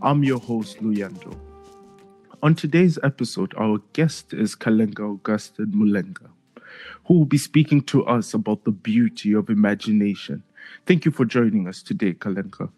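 A man's voice: lowish voice, normal speed, mellow, faint music behind. A man hosting a podcast, reading a scripted intro and asking polite interview questions. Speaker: podcast host.

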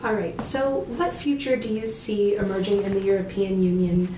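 A woman's voice: mid-range voice, fairly even intonation, normal speed, dark tone, recorded from a distance. A woman interviewer asks her questions in a conversational, slightly tentative way. She sits away from the microphone in a roomy, echoing space, and a faint hiss lies underneath her voice.

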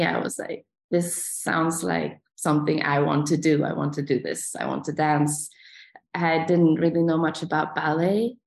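A woman's voice: on the low side, creaky, darkish tone. A young adult woman from Sweden, a ballet dancer answering interview questions in a hesitant way, with many fillers.

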